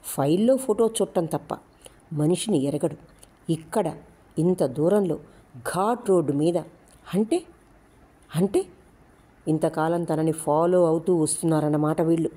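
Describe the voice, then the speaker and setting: Husky-toned woman narrating a story. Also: low-pitched, normal speed. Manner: steady, dramatic storytelling. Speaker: audiobook narrator. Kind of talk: scripted narration.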